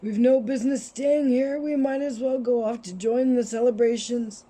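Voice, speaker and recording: A woman voicing an old, wise male wizard headmaster with a slow, measured and gentle way of talking, recorded on a cell phone. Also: fairly high pitch, steady tone, pitched above the performer's own voice, lightly acted. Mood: calm.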